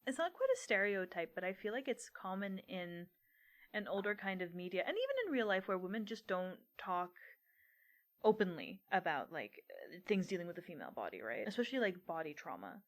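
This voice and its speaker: A woman's voice: medium pitch, big pitch swings, brisk. Young woman co-hosting, often laughing. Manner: laughs often while talking. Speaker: podcast co-host. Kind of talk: casual book discussion.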